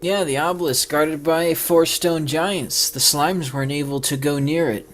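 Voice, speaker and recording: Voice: mid-range voice, fairly even intonation, a little slow, faint music behind. A tabletop game player speaking casually in character.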